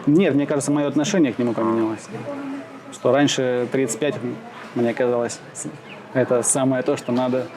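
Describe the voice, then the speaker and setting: A man from Siberia being interviewed outdoors in the shade, answering slowly with many pauses, fillers and restarts. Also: medium pitch, fairly even intonation. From Russia (Siberia). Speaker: interviewee, expat businessman. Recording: outdoor crowd noise behind.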